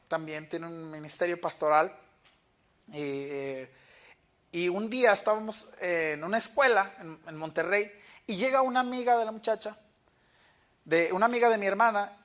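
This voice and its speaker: A pastor preaching a sermon in church and telling stories with acted-out dialogue. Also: medium pitch. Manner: storytelling, acting out quoted dialogue.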